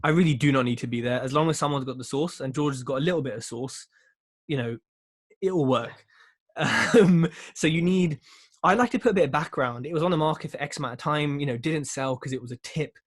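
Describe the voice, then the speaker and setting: A man's voice: a little high, a little fast, slightly rough. A man hosting a casual live Q&A, breezy and joking, with slangy asides. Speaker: show host asking listener questions.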